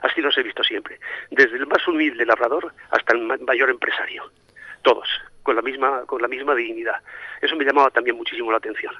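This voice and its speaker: Born in Santomera in Murcia and brought up in Madrid, this middle-aged priest from Spain has a Spanish accent and a medium-pitched voice with fairly even intonation and a brisk pace. He reflects on interview questions, hesitating and repeating as words escape him. There's no room sound, but the phone-like link is dull and lo-fi.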